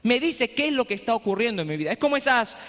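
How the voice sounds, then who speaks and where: High, bright-voiced preaching man. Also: fast talker. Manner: lively, rhetorical, keeps asking "eh?". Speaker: speaker at a training for pastors. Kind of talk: preaching lecture. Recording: echoey hall.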